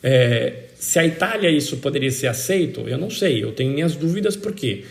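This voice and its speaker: Animated and a little fast, his creaky mid-range voice carries a Brazilian accent. Interviewed as a citizenship expert, he drives legal points home emphatically and didactically, repeating the key ones. The sound is roomy with echo.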